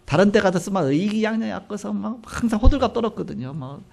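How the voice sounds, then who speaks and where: Gravelly-voiced Korean pastor preaching. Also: male voice, high-pitched, fast. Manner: animated storytelling, acting out quoted dialogue. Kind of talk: sermon.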